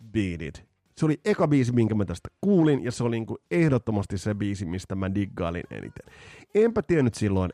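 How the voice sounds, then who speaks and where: Rambling Finnish podcast host, lively voice. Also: male voice, fairly low pitch, no room sound. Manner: rambling, many fillers and restarts. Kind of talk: casual music podcast commentary. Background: faint music.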